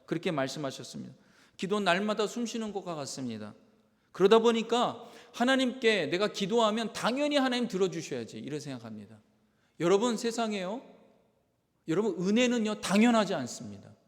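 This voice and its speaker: A male pastor delivers an impassioned sermon in a fairly high voice that rises and falls widely. He drops into quiet, reflective asides, then breaks out into loud, fervent cries. His voice rings with the long reverb of a church sanctuary. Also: very animated, fairly quick. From South Korea.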